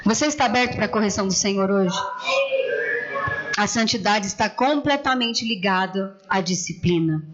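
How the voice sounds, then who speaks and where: A woman pastor preaching a sermon in church, telling personal stories in a conversational, animated way. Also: medium pitch, moderate pace, highs cut off, over a noisy crowd.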